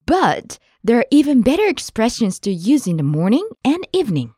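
Woman co-host, lively pitch, careful teaching delivery, dry close mic. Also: normal speed, slightly rough, no room sound. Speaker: language lesson co-host and native-speaker model. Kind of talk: scripted podcast lesson.

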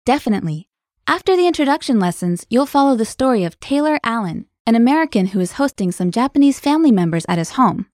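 Woman lesson co-host, upbeat and clear, slightly high voice, dry studio sound. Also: big pitch swings, fast talker, darkish tone, dry recording. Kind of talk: scripted podcast lesson.

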